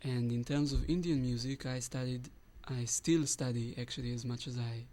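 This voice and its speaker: A man's voice: medium pitch, fairly even intonation, normal speed, dark tone. A man from Israel, a saxophonist and guest in a radio studio interview, answering thoughtfully and often restarting his sentences. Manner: thoughtful, searching for words, many restarts.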